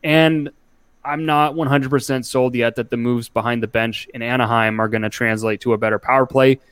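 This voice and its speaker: A man's voice: medium pitch, steady tone, fairly quick, fairly bright tone, clean tone, no echo. A man co-hosting a casual sports podcast, talking through his analysis with frequent restarts. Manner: analytical, thinks aloud with restarts. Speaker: podcast co-host.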